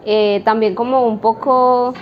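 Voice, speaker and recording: A woman's voice: a little high, fairly even intonation, a little slow. A woman, a coffee roaster answering interview questions in an explanatory way, with fillers and tag questions. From Colombia. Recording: dull lo-fi with light noise.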